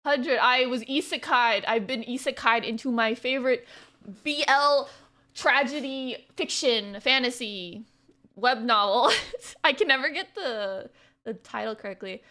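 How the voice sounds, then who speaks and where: A woman's voice: fairly high pitch, unhurried, bright, forceful tone. A young woman streaming a game, reading the story text aloud and chatting between lines in a bubbly way. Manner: bubbly and chatty, laughing often. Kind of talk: live-stream playthrough, reading visual novel text aloud.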